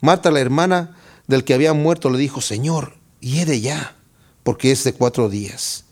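A man preaching a Bible study sermon, reading scripture aloud and explaining it with lively questions to his listeners. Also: mid-range voice, moderate pace. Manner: expressive, reads scripture then explains it, asks the listeners questions.

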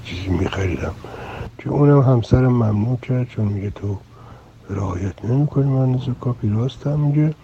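A man's voice: medium pitch, lo-fi sound. An older man, a filmmaker, talking through his own essay in a wry, rambling, anecdotal way. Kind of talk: relaxed spoken essay. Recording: home recording with steady background noise.

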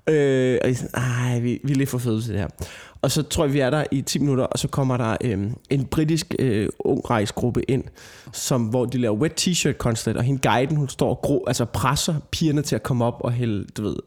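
A man's voice: medium pitch, hardly any pauses. A man co-hosting a casual podcast chat, rambling through stories with constant tag questions and frequent laughter. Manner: rambling storyteller, lots of "ikke?" tags; laughs often, gets loud and excited. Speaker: podcast co-host.

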